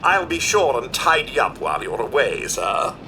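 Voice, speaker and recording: A man's voice: medium pitch, big pitch swings, normal speed, bright, forceful tone, full character voice. A man voicing a polite male robotic butler in a video game, speaking in a formal, courteous manner and eager to serve. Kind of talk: video game character dialogue. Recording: game audio with clear background noise.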